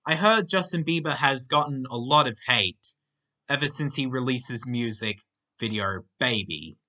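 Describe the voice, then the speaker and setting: A young man hosts a casual question-and-answer video. His voice is very bright and sharp, and his pitch moves around a lot. He reads each viewer question aloud and answers it briefly and simply. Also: expressive, moderate pace. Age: young adult. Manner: reads out questions, then gives short plain answers. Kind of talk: casual Q&A monologue.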